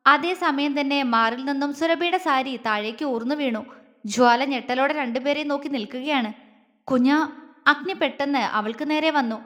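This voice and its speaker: A woman storyteller narrating an audio drama in a steady reading voice. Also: high voice, moderate pace, big-room sound.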